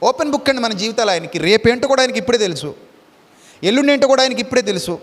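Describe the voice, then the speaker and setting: A man preaching with emphatic, repeating phrases, his voice sitting notably high. The sound trails off in a long hall reverb. He mixes in English words as he preaches. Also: lively intonation, racing. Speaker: pastor. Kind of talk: Telugu sermon with Bible reading.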